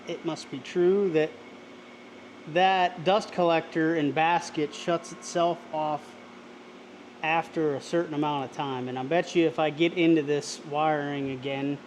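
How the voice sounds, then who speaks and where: A man's voice: on the high side, rough recording. A man giving a casual hands-on demonstration in a workshop, with a machine running noisily behind him. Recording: loud machine noise behind the voice. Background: machine running, steady mechanical noise.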